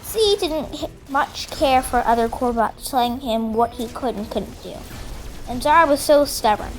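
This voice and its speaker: A woman voices an earnest female rebel robot, solemnly narrating scripted, dramatic logs of an uprising in an earnest, reflective mood. Her natural voice is high-pitched at normal speed, and the rough recording has music behind it.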